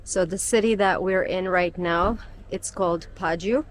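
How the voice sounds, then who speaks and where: A woman's voice: lowish voice, steady tone, measured pace, slight background noise. Chatty young woman vlogging a tour outdoors. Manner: chatty, explanatory, with frequent um fillers. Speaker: travel vlogger. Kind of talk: casual travel vlog narration. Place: outdoors on a guided tour, cold weather.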